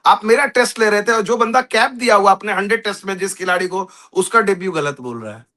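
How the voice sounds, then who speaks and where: Indian man co-host, high bright voice, animated banter. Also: fast talker. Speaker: cricket show co-host. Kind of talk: casual cricket chat.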